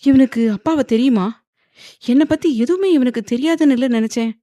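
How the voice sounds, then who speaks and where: A woman's voice: sits high, a little fast, warm tone, no echo, pitched above the performer's own voice, lightly acted. A woman voicing a frightened young wife who stammers timidly in a slightly raised voice. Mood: fearful.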